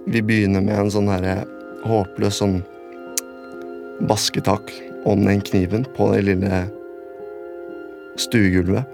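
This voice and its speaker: A man with a low, gravelly voice recounts his story for a radio documentary. He talks haltingly, repeats himself and chains his clauses together one after another. Soft music plays faintly behind him. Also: little pitch movement. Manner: halting, repetitive, strings clauses together with "and then". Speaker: interviewee recounting a personal event. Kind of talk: spoken recollection in a radio documentary.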